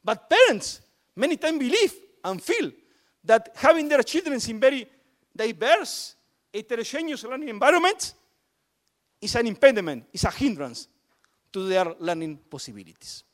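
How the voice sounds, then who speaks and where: High-voiced man talking emphatically. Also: very animated, moderate pace, fairly bright tone. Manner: emphatic, repeats words for stress. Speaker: education policy speaker. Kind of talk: panel talk on inclusive curricula.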